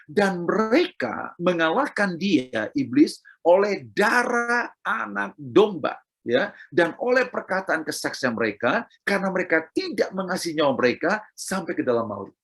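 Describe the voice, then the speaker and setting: A middle-aged man delivers a sermon with a slightly husky, breathy tone. His pitch swings widely as he drives points home and repeats himself. He speaks straight to his listeners. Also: big pitch swings, measured pace, fairly bright tone. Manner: emphatic, repetitive, addresses listeners directly. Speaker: preacher.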